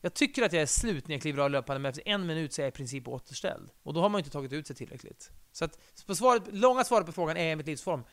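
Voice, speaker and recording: A man's voice: a little high, lively intonation, hardly any pauses, fairly bright tone. A middle-aged man chatting casually on a podcast, rambling and self-deprecating, with casual swearing. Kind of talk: casual conversation.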